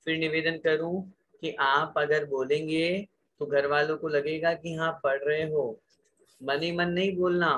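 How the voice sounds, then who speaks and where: A man leads a scripture class at a slow, deliberate pace, his voice bright and somewhat high. He recites each phrase carefully and pauses so his students can repeat it after him. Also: fairly even intonation, highs cut off, a little hiss or hum. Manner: drills pronunciation word by word, asks class to repeat aloud. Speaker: teacher of Jain scripture.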